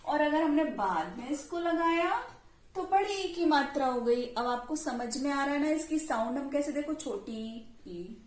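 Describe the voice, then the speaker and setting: A woman teaching children their letters, drawing out each syllable slowly for them to repeat and checking in with questions to the class. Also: high voice, animated. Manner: slow, drawn-out syllables for repetition. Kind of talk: children's Hindi letters lesson. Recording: echoey room with faint ambient noise.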